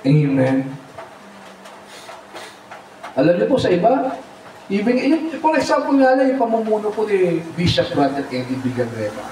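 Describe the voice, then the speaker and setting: A man preaching as a pastor, animated and humorous, mixing English phrases and often calling out amen. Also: on the high side, far from the mic, a little hiss or hum. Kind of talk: Tagalog sermon with humor. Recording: echoey hall, mic from afar.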